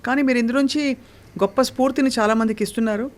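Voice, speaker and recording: A woman's voice: on the high side, steady tone, fast talker. A woman interviewer asking questions in a respectful, encouraging way.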